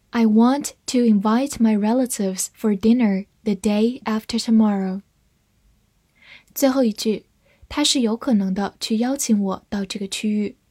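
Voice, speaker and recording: A woman teaching English vocabulary in a scripted lesson, reading each word twice and then its meanings in an even voice. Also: a little high, breathy edge, no room sound.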